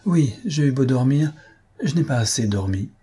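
A man reading aloud, voicing a gentle, quietly stubborn young countess with soft, reserved replies. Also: medium pitch, lively intonation, moderate pace, husky, voice pushed up.

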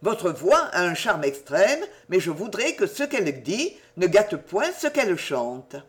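A woman reads out a young gentleman from a storybook. He is earnest and courteous and speaks gently in a lowered, tender voice. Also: big pitch swings, unhurried. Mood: apologetic.

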